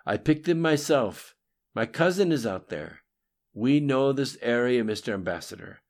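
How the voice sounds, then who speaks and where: A man's voice: mid-range voice, expressive, normal speed, vocal fry, pitched above the performer's own voice. A man voicing a male local guard chief who speaks eagerly and reassuringly.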